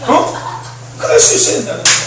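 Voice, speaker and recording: A man's voice: quick pace, heavy background noise. A man preaching a sermon in a church, emphatic and often asking the congregation questions. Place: church sanctuary. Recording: very echoey hall, distant mic.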